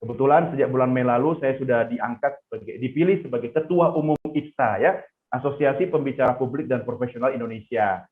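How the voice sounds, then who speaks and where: A man teaching public speaking in an online class, lively, calling on students and praising their answers. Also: medium pitch, brisk. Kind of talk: online class for pageant contestants. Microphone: video call. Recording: tinny phone-like audio.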